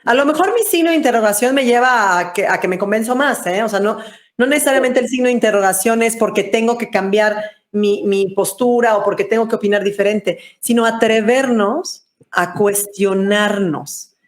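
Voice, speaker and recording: A woman's voice: on the high side, moderate pace. A woman on a webinar panel, speaking thoughtfully with hesitant restarts.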